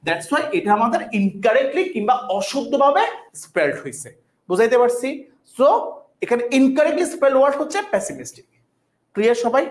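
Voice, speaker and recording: A woman's voice: fairly high pitch, sing-song, fairly quick. A woman teaching a vocabulary class, repeating each word and often checking that students understand. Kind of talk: online class lesson.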